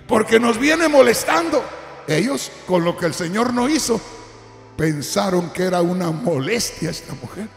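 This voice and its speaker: A man delivers a sermon in a high, raspy voice with wide, lively swings in pitch. He speaks straight to his listeners and rises to shouts at the peaks. The voice carries through an echoey hall with soft music behind it. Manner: animated preaching, shouting at peaks, addressing the congregation directly. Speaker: pastor.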